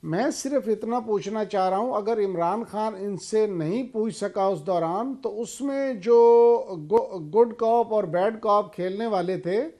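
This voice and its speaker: A man with a Pakistani Urdu accent speaks as a political guest on a talk show. His voice sits high, and his delivery is slow and measured. He pauses and restarts as he builds his point. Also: mellow.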